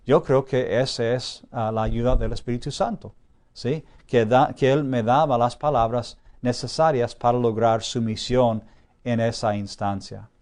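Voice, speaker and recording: A man giving a classroom lecture in an even, middle-range voice. He thinks aloud with long "ah" fillers and keeps checking that his students follow. He slows right down whenever he stresses a key phrase. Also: medium pitch. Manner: checks in often with a questioning "¿sí?"; frequent drawn-out "ah" fillers while thinking. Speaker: Bible institute teacher.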